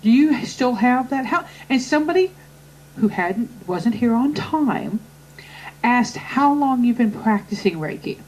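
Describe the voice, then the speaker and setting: A woman's voice: fairly high pitch, lively intonation, unhurried, darkish tone, slight background noise, low-quality recording. A woman hosting an interview show, chatting freely, laughing easily and asking long, winding questions. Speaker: show host. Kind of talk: conversational interview.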